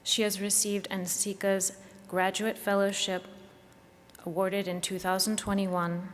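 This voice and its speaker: A woman's voice: flat delivery, unhurried. A woman giving a formal introduction of a speaker at a conference, reading a bio with some fillers and a light joke, on a lectern mic in a large convention hall. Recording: long hall reverb, faint rumble.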